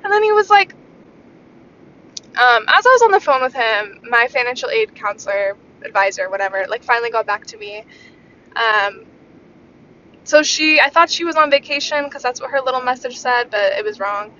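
A woman's voice: animated, moderate pace, pushed and bright. A young woman hosting a podcast, rambling in a wry, casual way full of fillers. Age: young adult. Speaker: podcast host, student. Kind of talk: casual chat. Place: in a moving car. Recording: muffled lo-fi car recording. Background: faint vehicle rumble.

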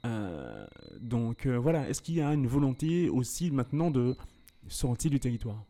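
A man with a mellow, warm voice hosts a relaxed conversational interview. He asks his questions loosely and keeps the talk going with many short murmurs of agreement. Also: mid-range voice, normal speed. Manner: relaxed, gives frequent short backchannel "yeah"s. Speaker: interviewer, podcast host.

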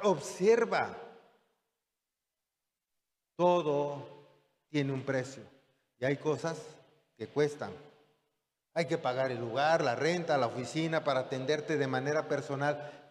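Pastor preaching in a reverberant hall. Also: male voice, on the high side, a little slow, pauses often. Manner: conversational preaching, rhetorical questions to the congregation. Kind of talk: sermon.

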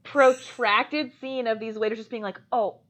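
A woman co-hosting a casual movie-review chat, retelling scenes with lively laughter. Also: fairly high pitch, moderate pace. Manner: animated retelling with acted-out quotes and laughter. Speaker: podcast co-host.

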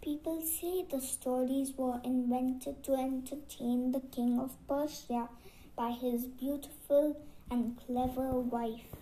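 A woman storyteller reading a bedtime fairy tale aloud in a gentle, expressive way. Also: high voice, low-quality recording.

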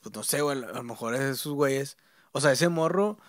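A young man with a Mexican accent, co-hosting a podcast in relaxed, slangy casual chat. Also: mid-range voice, no echo, studio quality. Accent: Mexican Spanish. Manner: relaxed slangy talk, drawn-out pauses. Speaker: podcast co-host.

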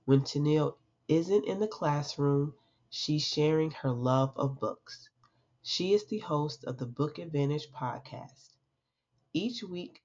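A low-sitting, slightly mellow female voice belongs to a podcast host interviewing a guest. She's friendly and upbeat, the talk is a casual interview chat, and the audio is dull and lo-fi.

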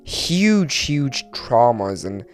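This solo podcast host, an Iranian man who moved to Turkey, talks extremely slowly in a mid-range voice with big pitch swings, soft music behind him. His monologue is rambling and confessional, hesitant and self-mocking, with casual swearing.

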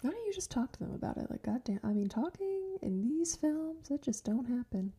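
Woman podcast co-host, slightly higher pitch, wry conversational recap with quick interjections. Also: expressive, warm tone. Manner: chatty, wry, quick agreeing asides. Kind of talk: casual movie recap chat.

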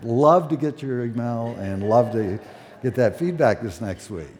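A man in his sixties, a pastor preaching a sermon at a pulpit microphone, relaxed and conversational with many fillers. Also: mid-range voice, unhurried. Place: church sanctuary. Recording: echoey church hall.

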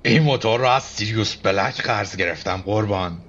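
Man playing a big gruff-hearted giant, low voice, dull lo-fi sound. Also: a bit bright. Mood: earnest. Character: huge shaggy male half-giant, gruff but tender-hearted. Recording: dull lo-fi radio-play recording. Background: faint music.

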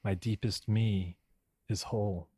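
A man leading a guided meditation in a hushed, slow voice, repeating calm affirmations. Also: fairly low pitch, breathy edge, dry recording.

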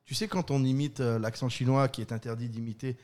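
Chatting casually on the podcast he co-hosts, this man tells animated stories at a fairly quick clip, often laughing and stumbling into restarts. His voice is mid-range.

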